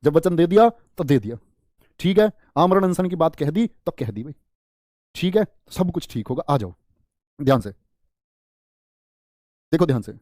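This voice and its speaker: Man teaching a lively spelling class. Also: fairly high pitch, unhurried, long pauses, dry recording, studio quality. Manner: colloquial, playful, addresses viewers as "mera lal" and "bhaiya". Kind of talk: live online Hindi spelling class.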